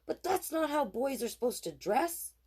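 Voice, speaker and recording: A woman's voice: high voice, very animated, normal speed, a little mellow, voice pushed up. A woman voicing a bossy, indignant young girl, an older sister in a storybook, protesting emphatically.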